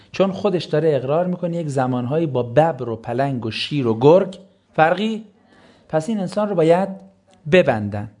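A man with a notably high voice delivers a religious lecture. His manner is sarcastic and teasing, and he slips into mocking voices to act out other people's excuses. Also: a little mellow. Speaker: preacher.

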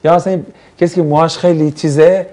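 During a classroom lesson, a man who teaches religious studies banters, jokes and asks his students questions. His voice sits on the high side, steady and dark in tone.

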